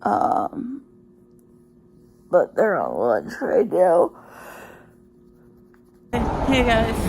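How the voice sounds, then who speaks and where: A woman's voice: on the high side, background noise. A woman talking in a casual, rambling personal vlog, sounding weary and emotionally drained, hesitant and often trailing off. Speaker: vlogger sharing daily health updates.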